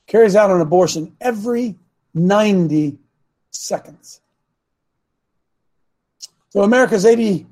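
A gravelly older talk show host offers casual political commentary, sermonizing and rambling while stopping to clear his throat and cough. His husky, dark, phlegmy voice sits on the high side for a man.

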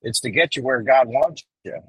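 A man calling in while driving, his voice on glitchy call audio that keeps breaking up, talking haltingly with restarts. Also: medium pitch, breathy edge, no room sound, low-quality recording. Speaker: caller. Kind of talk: call-in comment on a faith show.

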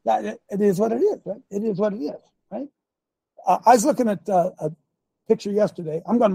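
An older man hosting a show in a preachy commentary style, repeating his points and firing rhetorical questions, often clearing his throat. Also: high voice, darkish tone, no room sound. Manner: emphatic, repeats lines, fires rhetorical questions. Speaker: show host.

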